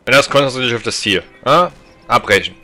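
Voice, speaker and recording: A man's voice: medium pitch, expressive, brisk, bright, forceful tone. A man leading a regiment in an online game, barking military drill commands and scolding his players. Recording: game music and gunfire behind. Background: game music, gunshots.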